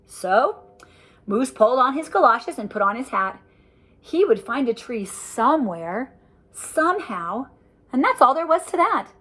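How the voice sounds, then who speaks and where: In a high, husky voice, an older woman takes her time reading a rhyming picture book to children. She's lively and sing-song, and chats about the pictures between lines.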